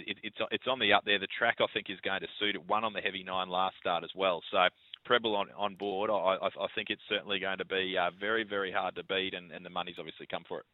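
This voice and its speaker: A low-voiced Australian man rattles off racing odds at a quick clip as a guest tipster. He often stumbles and doubles up on words. The sound is a thin, tinny phone line. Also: no room sound. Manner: stammering, repeats words as he goes. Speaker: betting tipster and bookmaker's guest. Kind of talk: live racing odds commentary. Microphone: phone call.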